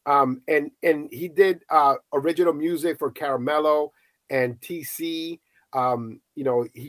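A middle-aged man from the United States, a podcast host telling a story casually on a panel and acting out the quoted voices with lively swings. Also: no echo. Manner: animated storyteller, acts out quotes with high excited voices.

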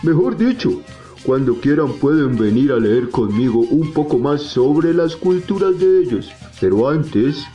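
A man's voice: a little high, animated, unhurried, mellow, dull audio, faint music behind. A man playing a kindly, wise talking tree who teaches children in a folksy, jolly Colombian storytelling style. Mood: delighted.

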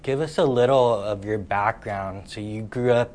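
A woman interviewing a guest, calmly guiding the talk and summing up what she hears. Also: extremely low pitch, moderate pace. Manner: calm, guiding, summarizing the guest's words. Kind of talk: interview questions.

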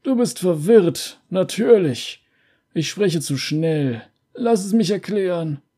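A condescending male official from a video game speaks in a higher register with a dark, mellow tone, put on by a man. He talks down to his captive and sounds falsely friendly. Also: animated, slow, breathy edge, exaggerated voice.

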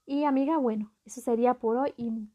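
A woman's voice: a little high, fairly even intonation, brisk, highs cut off. Upbeat woman giving motivational talk. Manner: encouraging, repeats phrases for emphasis, addresses listener as friend. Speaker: podcast host.

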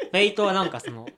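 A man co-hosting a casual comedy chat show, teasing his partner with rough, quick retorts. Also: high voice, bright, forceful tone. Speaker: podcast co-host. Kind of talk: casual banter.

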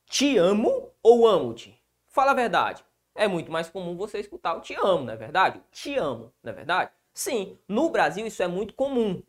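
A man's voice: high-pitched, very animated, moderate pace. A Brazilian man teaching grammar in an exam-prep video lesson. He asks his own rhetorical questions and answers them himself. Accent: Brazilian Portuguese.

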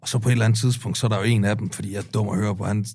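A man's voice: lowish voice, steady tone, darkish tone, breathy edge. A man in his forties, a podcast guest, telling a rambling anecdote casually, swearing often and full of fillers. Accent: Danish. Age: 40s. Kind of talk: casual storytelling.

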